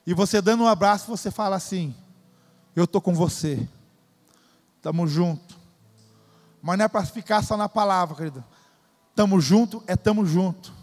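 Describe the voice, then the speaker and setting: A man's voice: high voice, normal speed, pauses often, long reverb tail. A Brazilian man preaching a sermon, emphatic and repetitive, calling the congregation "dear". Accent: Brazilian Portuguese. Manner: emphatic, repeats phrases, addresses crowd as "querido". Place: church.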